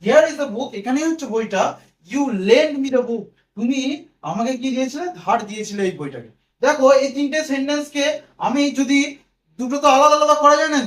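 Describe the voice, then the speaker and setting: Very high-voiced Bengali man teaching grammar. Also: fairly bright tone, roomy sound. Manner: asks questions and answers them himself, repeats. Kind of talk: whiteboard grammar lesson.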